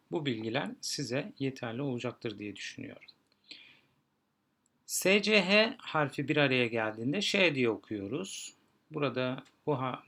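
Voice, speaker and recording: Bright-voiced man teaching pronunciation. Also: medium pitch. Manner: slow, deliberate, spelling out letters and repeating sample words. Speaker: German teacher. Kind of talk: explaining pronunciation to learners.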